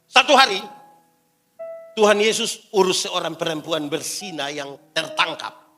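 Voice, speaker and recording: A man preaching as a pastor, throwing loud questions at the congregation and dropping to quiet asides. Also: a little high, lively intonation, a little slow. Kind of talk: sermon. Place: church hall. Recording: live sermon in a large reverberant church hall with faint music.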